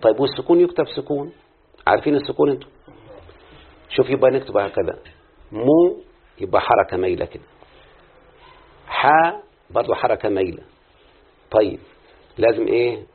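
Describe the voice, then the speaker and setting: A man's voice: medium pitch, expressive, fast talker, pauses often, breathy edge. A man with an Egyptian Arabic accent teaching a classroom lesson on prosody, speaking straight to his pupils and drawing out syllables as he explains. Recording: tinny phone-like lo-fi recording.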